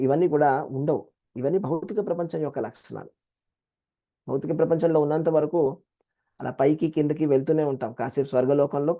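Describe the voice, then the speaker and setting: A Gita teacher with a Telugu accent and a mid-range voice teaches a scripture class, explaining verses animatedly and acting out quoted voices.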